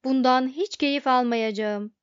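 A woman voicing a depressed male robot who speaks in a flat, hopeless monotone. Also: high-pitched, unhurried, clear, resonant tone, dry recording. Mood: gloomy. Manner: flat, hopeless, sulky delivery. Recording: dull, dry lo-fi recording.

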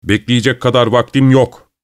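A man's voice: medium pitch, steady tone, normal speed, no room sound, natural voice. Man reading an impatient, clipped columnist, dry close recording. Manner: curt and impatient. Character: hurried, impatient male columnist.

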